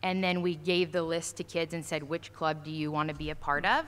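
Speaking briskly in a deep, clean, slightly bright voice with fairly even intonation, a woman administrator takes questions at a school board meeting. Picked up by a far camera from her standing podium mic, the large auditorium sounds echoey with faint noise, and her answers are casual with many fillers.

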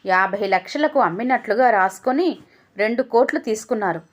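A woman's voice: a little high, animated, brisk. A woman voicing a stern male tax officer who speaks in an angry, threatening way.

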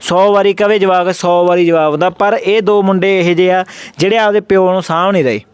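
A man's voice: sits high, fairly even intonation, a little fast, clean tone, no echo. A man with a Punjabi accent hosting a staged comedy interview, questioning probingly and moralizing directly to viewers. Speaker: interviewer and host.

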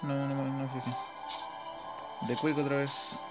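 Game music fills the background as a man with a Chilean Spanish accent plays and talks casually, thinking aloud for his gaming video. His medium-pitched voice barely moves in pitch, and he takes an unhurried pace.

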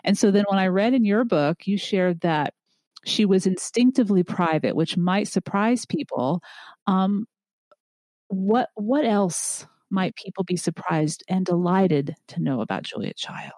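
A woman's voice: mid-range voice, expressive, unhurried, darkish tone, dry recording, low-quality recording. A woman hosting a podcast interview, eager and admiring, with many fillers and restarts. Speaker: podcast host.

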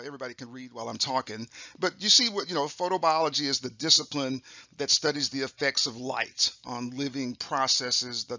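Chatty and upbeat, an older optometrist lectures over slides for a recorded continuing-education course, often using fillers, restarting and clearing his throat. His raspy, medium-pitched voice sounds very bright and pushed forward. It's recorded up close, dry and a bit dull, with no room sound.

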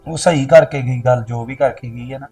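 A man's voice: mid-range voice, a little fast, warm tone, breathy edge, natural voice. Guy doing a curt young husband, brushes things off, faint music behind. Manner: curt, dismissive. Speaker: soldier husband.

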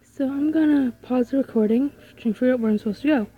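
A woman's voice: high voice, fast, breathy edge, narrow, tinny audio. A woman playing a horror game and commenting, hesitant and thinking aloud as she goes. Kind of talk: let's play commentary.

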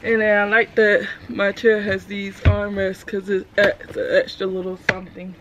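A woman's voice: medium pitch, flat delivery, moderate pace, noisy background. A woman talking casually in a family vlog, chatty and rambling with slangy asides, filmed in and around her van on a tripod camera. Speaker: mom vlogger.

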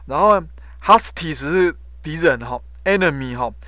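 A male professor teaching English word roots, loudly repeating each word to drill its pronunciation and tagging phrases with a short "ha". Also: on the high side, lively intonation, normal speed, no room sound, studio quality. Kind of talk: classroom vocabulary lesson.

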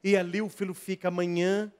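Brazilian priest, high voice, tells stories in his sermon, gets loud then soft. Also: fairly quick, clean tone. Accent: Brazilian Portuguese. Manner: animated storytelling, swings from loud to soft; chatty asides to the crew and audience.

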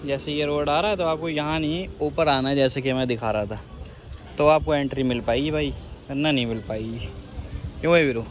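A young Indian man films himself on his phone around a hillside restaurant and park, chatting and poking fun at his friend. His mid-range voice runs a little fast, and the muffled outdoor audio carries clear background noise.

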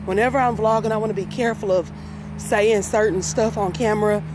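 A young woman chats casually while walking outside, her voice at an average pitch. It is a handheld phone vlog recorded on the street, with loud traffic and outdoor noise all around her. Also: steady tone, a little fast. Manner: talking while walking outdoors, breathy sighs of exertion. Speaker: vlogger. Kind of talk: casual walk-along vlog. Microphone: phone held at arm's length.

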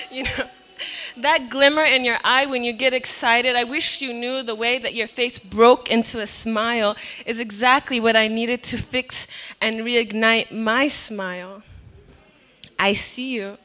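On stage with a handheld mic mounted on a stand, a young woman recites her own spoken word poetry. She delivers it slowly and expressively in a bright, slightly high voice, letting out laughs between lines.

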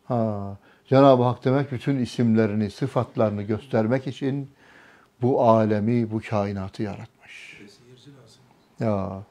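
A man's voice: mid-range voice, dark tone. A man giving a religious talk to a small group, often asking the listeners questions and repeating their answers. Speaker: religious teacher.

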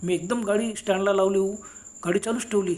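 A man telling a first-person ghost story in a hushed, dramatic way, often dropping to a near whisper. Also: high voice, fairly even intonation, fairly quick. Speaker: horror storyteller and channel host.

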